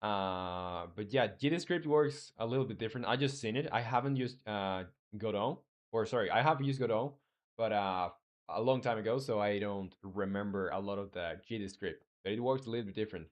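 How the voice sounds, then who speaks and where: A man's voice: fairly low pitch, a little fast. A man from Chile, a game developer on a live stream, thinking aloud as he codes and chatting with viewers. He hesitates a lot, with many fillers and restarts, and answers his viewers in a friendly way. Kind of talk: casual live-stream coding chat.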